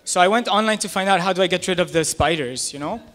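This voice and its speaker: Talking fast in a high, somewhat bright voice, the same kind of performer, an American man in his thirties, does stand-up in a small club. Holding a stage mic, he speaks conversationally and self-deprecatingly.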